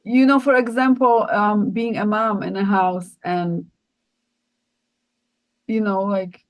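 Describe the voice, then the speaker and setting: A woman's voice: mid-range voice, steady tone, slow pace, poor audio. A woman co-hosting a spiritual podcast, talking in an earnest, rambling way with many restarts. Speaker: podcast co-host.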